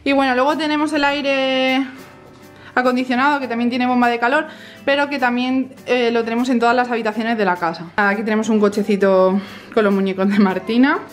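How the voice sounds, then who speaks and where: A woman's voice: fairly high pitch, steady tone, brisk, soft background music. A young woman in her twenties giving a chatty, casual tour of her apartment, filmed on a handheld camera. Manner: chatty, addresses viewers directly. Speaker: vlogger giving a house tour. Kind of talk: casual house tour narration. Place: small apartment living room, indoors.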